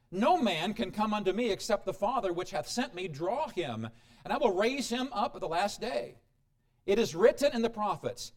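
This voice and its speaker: A male preacher delivers a sermon in a high, very lively voice that swoops up and down. He reads scripture aloud and then explains it, dropping to a near hush and rising again with frequent chuckles. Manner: dramatic shifts in pitch and volume, chuckles often.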